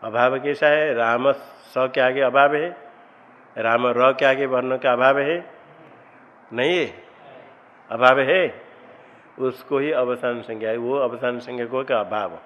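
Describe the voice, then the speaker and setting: Slow, deliberate male grammar teacher. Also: medium pitch, steady tone, dull audio. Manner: quizzes the class with repeated questions, then recites rules. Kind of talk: classroom grammar lesson. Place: ashram classroom.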